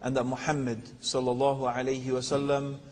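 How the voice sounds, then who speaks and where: A man telling his personal story in a religious talk, measured and pausing with fillers. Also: medium pitch, level tone. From England. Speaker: guest speaker. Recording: reverberant lecture hall.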